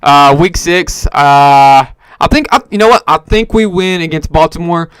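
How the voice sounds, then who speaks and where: A man's voice: a little high, a little slow, smooth, no room sound. A man hosting a casual solo podcast, rambling with many fillers and self-corrections. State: hiccups. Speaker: podcast host. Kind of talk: casual solo sports talk.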